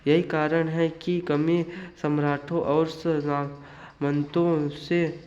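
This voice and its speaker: A man walks through an exam paper, reading each question and answer slowly. His pitch sits a little high but barely moves, and he often restarts words. The sound is muffled and lo-fi. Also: level tone, a little mellow. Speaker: teacher.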